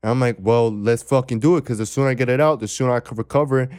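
A young man in casual chat, telling a personal story in a lively way, acting out the voices of others and swearing freely. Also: medium pitch, fast talker, clear, resonant tone, dry recording, clean studio sound. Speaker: guest telling his story.

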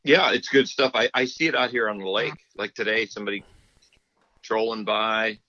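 A middle-aged fishing guide talking on speakerphone in an easygoing, folksy way, chatting casually on a podcast. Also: male voice, lowish voice, fairly even intonation, normal speed, pushed and bright. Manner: easygoing, folksy, laughs often. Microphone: phone on speaker. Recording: dull speakerphone line.

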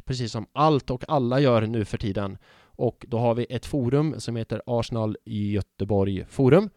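A young man hosting a casual fan podcast, playful and excitable, often joking about himself. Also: mid-range voice, clear, resonant tone, no echo, clean studio sound. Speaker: podcast host. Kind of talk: casual chat.

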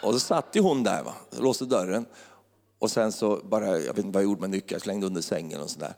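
A middle-aged man, a preacher telling a funny personal story in a sermon, chuckling as he goes and building up to excited praise. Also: sits low, creaky. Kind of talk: humorous sermon testimony. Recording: long hall reverb.

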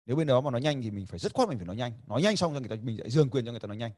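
A man's voice: mid-range voice, lively intonation, very fast, darkish tone, dry recording, studio quality. A man teaching a livestreamed lesson, chatty and demonstrative, acting out example lines and laughing often. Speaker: communication skills teacher. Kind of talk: livestreamed lesson addressing viewers.

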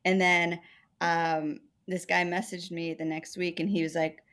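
A woman's voice: on the low side, little pitch movement, measured pace, a bit bright. A woman comedian from Texas, in her thirties, telling her story in a chatty, self-deprecating way during an interview. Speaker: stand-up comedian.

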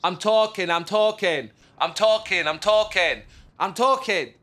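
A giddy, bright gamer guy, high and bouncy, played in a hall. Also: unhurried. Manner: giddy, childlike wonder. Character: excitable male gamer playing a giant woman avatar.

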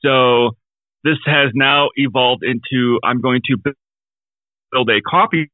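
A man's voice: medium pitch, unhurried, dry recording, narrow, tinny audio. Male podcast guest on a thin internet call, audio cutting out, rambling with restarts, dry sound. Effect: audio cutting out, words dropping very quiet. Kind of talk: casual chat. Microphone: remote call via Skype.

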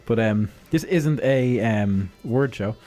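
A man's voice: mid-range voice, slow, mellow, soft background music. A young man co-hosting a science show in casual chat, jokey, giggly and playfully teasing. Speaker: co-host of a science radio show.

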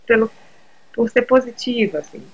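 A woman's voice: fairly high pitch, lively intonation, normal speed, a little mellow, slightly rough, dull audio. A middle-aged woman from Brazil, a guest in a casual interview, talking hesitantly with many restarts and mixing in English words.

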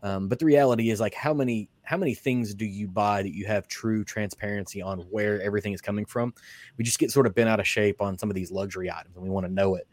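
Podcast host, male, lowish voice, rambling casual delivery, dry close recording. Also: steady tone, quick pace, dry recording. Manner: rambling, many restarts and fillers. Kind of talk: casual interview chat.

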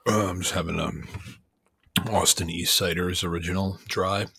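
Male podcast co-host, very low husky voice, rambling casual chat. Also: fairly even intonation, normal speed, sharp tone. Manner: rambling, laughs easily, many fillers.

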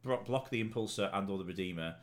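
A man's voice: lowish voice, fast talker. A man hosting a casual gaming podcast, chatty and jokey, asking his guests questions. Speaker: podcast host.

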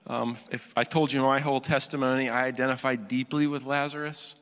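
Male pastor, bright forceful tone, animated sermon delivery, long church reverb. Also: medium pitch, brisk. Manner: animated, shifts between loud emphatic bursts and quiet reflective prayer. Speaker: preacher.

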